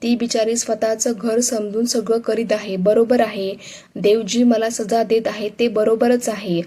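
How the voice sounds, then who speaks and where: A woman's voice: on the high side, little pitch movement, unhurried, dark tone. A woman voicing a young husband full of guilt and remorse, read plainly in a storybook manner. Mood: remorseful.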